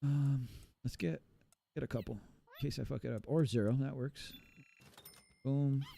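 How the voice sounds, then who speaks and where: Here a thirtysomething man rambles through live gameplay commentary, swearing freely in a casual chat while he plays. He has a mid-range, dark-toned voice with vocal fry and a measured pace.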